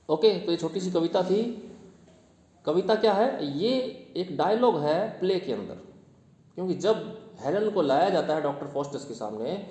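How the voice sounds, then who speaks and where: A man teaching a poem to his class, explaining each line in Hindi mixed with English terms and reading the verse slowly. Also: a little high, warm tone. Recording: echoey room, long reverb.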